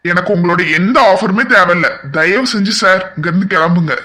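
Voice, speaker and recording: A blunt young company boss in a cartoon, protective and quick to scold. His voice sits high for a man and his delivery stays firm and commanding. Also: sharp tone. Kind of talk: cartoon voice acting.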